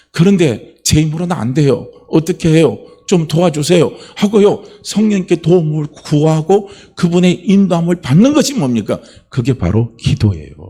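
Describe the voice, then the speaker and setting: Impassioned husky-voiced male pastor. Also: dark tone. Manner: rhetorical questions, rising to impassioned high pitch. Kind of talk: sermon.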